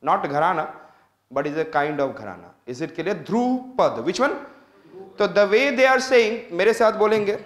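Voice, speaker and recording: A man's voice: sits high, lively intonation, extremely slow, reverberant. A man with an Indian accent giving a classroom lecture, switching between English and Hindi and constantly quizzing his students with repeated questions. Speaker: teacher.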